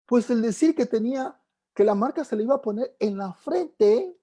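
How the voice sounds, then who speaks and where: Husky warm-toned Bible class teacher. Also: mid-range voice, animated, moderate pace. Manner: keeps tagging questions to the class; asks and answers rhetorical questions.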